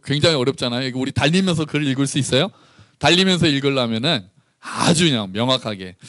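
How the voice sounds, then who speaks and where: A man's voice: mid-range voice, a bit bright, no echo, studio quality. A man, a pastor, preaching a conversational sermon and acting out dialogue between the characters.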